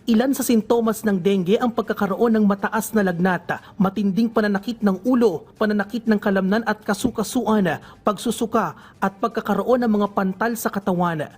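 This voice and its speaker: A male news reporter reading a scripted report in a measured, formal newsreader manner. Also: high-pitched.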